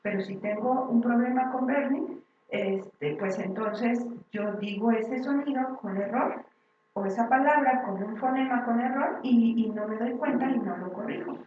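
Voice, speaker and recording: A woman teacher giving a classroom lecture, explaining step by step and often pausing on filler words. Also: a little high, far from the mic, slight background noise. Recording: echoey dull room recording from afar.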